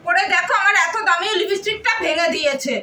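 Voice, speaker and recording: A woman's voice: extremely high pitch, fast, pushed and bright. A young woman playing a spoiled, jealous younger daughter who whines and schemes. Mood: whining. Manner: whiny, scheming. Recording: roomy room, mic far off, faint noise.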